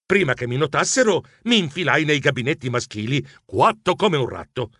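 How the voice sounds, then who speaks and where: Audiobook narrator: man, playful, expressive, slightly high. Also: moderate pace, breathy edge, no room sound, studio quality. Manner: animated, playful storytelling.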